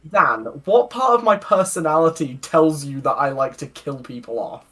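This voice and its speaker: A British speaker in a casual group chat, animated and laughing often. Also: medium pitch, moderate pace. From United Kingdom. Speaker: co-host of a roleplay channel.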